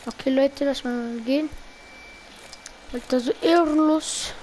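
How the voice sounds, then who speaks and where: A woman streaming gameplay, talking in heavy street slang and swearing at teammates in excited bursts. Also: high-pitched, a little slow, a little hiss or hum, rough recording. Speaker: gaming streamer. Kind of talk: live gameplay commentary.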